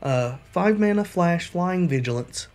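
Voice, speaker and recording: This gameplay commentator's voice sits high and sounds animated yet a little mellow, moving at a measured pace with soft music behind him. He explains the rules of his online card game, then mutters through each play while recovering from a cold.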